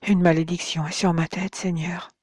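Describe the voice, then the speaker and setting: A reader voicing a very young, ghostly cursed woman who pleads in soft whispers with old-fashioned courtly address. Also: mid-range voice, flat delivery, normal speed, husky, no echo, clean studio sound, lightly acted. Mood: pleading whisper. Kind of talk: audiobook character voice.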